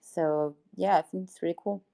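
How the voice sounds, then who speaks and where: A woman's voice: lowish voice, fairly even intonation, moderate pace, vocal fry, dark tone. A woman speaking as a guest in a casual live audio chat, upbeat and enthusiastic. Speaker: guest, art curator.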